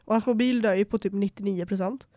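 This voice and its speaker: A talkative young woman co-hosting a casual podcast swears a lot and dramatizes quarrels with escalating outbursts. The recording is dry and clean, studio-grade, capturing her warm, mid-range voice and fairly steady intonation.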